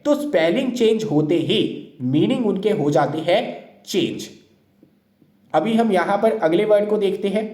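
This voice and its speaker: In an exam-prep lesson on English vocabulary, a man explains words by posing questions and answering them himself. His voice is high, animated, slightly slow, and darkish in tone, with a roomy echo around it.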